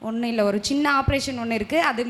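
A woman's voice: a little high, quick pace, fairly bright tone, a little hiss or hum, lightly acted. A woman playing a stern doctor who scolds a boy and his mother with sarcasm in a church youth skit. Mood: scolding.

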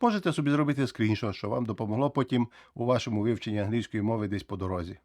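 Lively man teaching pronunciation, dry sound. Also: fairly low pitch, no room sound. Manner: lively, drills words slowly again and again. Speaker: English teacher. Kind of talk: explaining pronunciation rules.

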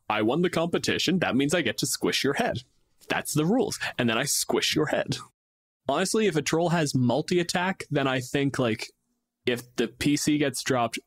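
With a medium-pitched voice and no room sound, a podcast co-host and game master chats casually, arguing his opinions. He's blunt and swears a lot.

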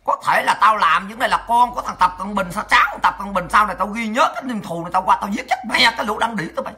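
A woman's voice: medium pitch, fast talker, bright, forceful tone, faint music behind. A woman delivering an angry, profane, taunting rant as a political vlogger. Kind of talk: ranting monologue.

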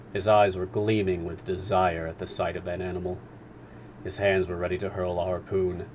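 A man narrating a classic novel aloud in a steady storytelling manner during a live reading. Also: low voice, a little hiss or hum.

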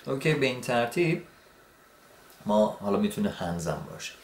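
Low-voiced man teaching, echoey room. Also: slight background noise. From Iran. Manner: relaxed, repeats words, says "okay" often. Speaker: English teacher. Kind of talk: explaining grammar at a whiteboard.

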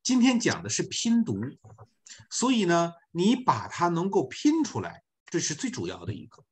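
A man leads an online beginner class as a volunteer teacher. He explains patiently, leaning on small filler particles as he goes. His pitch swings widely, high and low, through each sentence. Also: wildly swooping pitch, normal speed.

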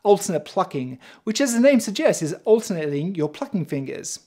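A woman teaching bass guitar in a tutorial, explaining step by step in a clear, encouraging way. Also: very animated, brisk, mellow. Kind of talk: instrument tutorial.

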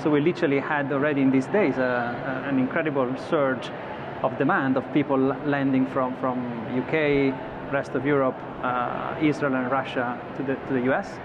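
A man's voice: mid-range voice, fairly even intonation, normal speed. Man on a busy convention floor. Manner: thoughtful, many restarts and fillers. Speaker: company executive guest. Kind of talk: trade show interview. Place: broadcast studio set on a convention floor. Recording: slightly dull audio with clear background noise.

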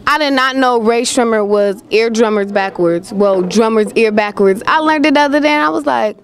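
A woman's voice: on the high side, moderate pace. A teenage girl hosting a teen TV show, asking interview questions in a chatty, upbeat way. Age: teens.

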